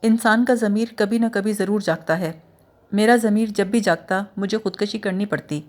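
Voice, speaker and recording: A woman's voice: medium pitch, lightly acted. A woman voicing a weary young woman sick of her life, speaking in a sad, confiding way.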